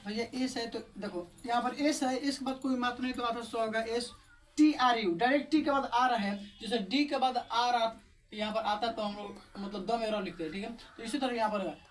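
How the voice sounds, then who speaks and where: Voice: medium pitch, normal speed. An English pronunciation teacher gives an online video lesson. The teacher spells words letter by letter and asks and answers their own questions in a casual, chatty way. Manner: explains step by step in a casual, chatty tone. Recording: voice a little distant from the mic.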